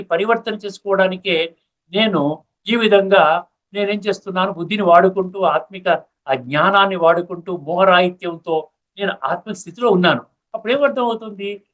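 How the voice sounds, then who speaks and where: A man's voice: sits high, fairly bright tone. A man giving a spiritual discourse, often asking his listeners questions and checking that they follow, with English words mixed into his talk. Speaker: spiritual speaker. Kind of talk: Bhagavad Gita discourse.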